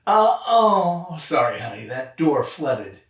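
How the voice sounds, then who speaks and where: An actor playing a folksy, teasing older uncle in an audio drama, hamming it up affectionately and mischievously. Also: male voice, on the high side, sing-song, takes it slowly, exaggerated voice. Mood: tender, folksy. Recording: very echoey room, distant from mic.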